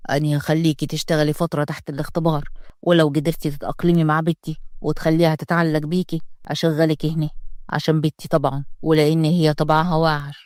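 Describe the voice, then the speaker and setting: A woman's voice: low-pitched, flat delivery, fast talker, darkish tone, no echo, clean studio sound, pitched below the performer's own voice, natural voice. A woman doing a stern, arrogant young village lord. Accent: Egyptian. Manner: curt, arrogant, questioning.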